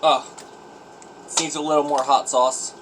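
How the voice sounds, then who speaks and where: A man's voice: fairly high pitch, flat delivery, unhurried, very noisy. A man filming an eating challenge vlog at home on a phone, groaning and complaining in an exaggerated, self-pitying way as he eats. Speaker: vlogger.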